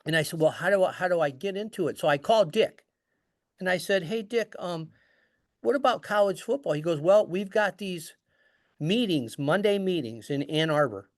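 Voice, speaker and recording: A man's voice: fairly high pitch, moderate pace, no echo, studio quality. A middle-aged man casually telling a story, acting out the dialogue as he goes. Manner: animated, acts out dialogue. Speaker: guest storyteller.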